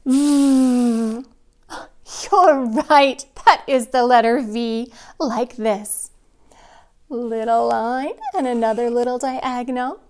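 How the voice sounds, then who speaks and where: A woman's voice: fairly high pitch, fairly even intonation, slow pace. A woman teaching young children step by step like a kids show host, with simple, encouraging prompts. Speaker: children's drawing and spelling teacher. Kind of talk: kindergarten lesson, step-by-step instruction to children.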